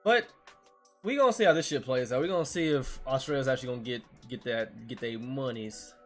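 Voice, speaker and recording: A man's voice: medium pitch, brisk, a bit bright, soft background music. A man hosting a casual gaming news podcast, reading out stories and joking in slangy banter. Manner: laid-back slangy banter, reads news items aloud. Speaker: podcast host.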